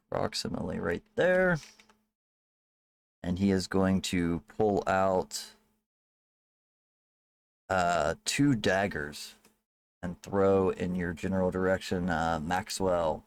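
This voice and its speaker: A man's voice: deep voice, slow, gravelly, long pauses. A man running a tabletop game as game master, casual and loose, with swearing and laughing asides.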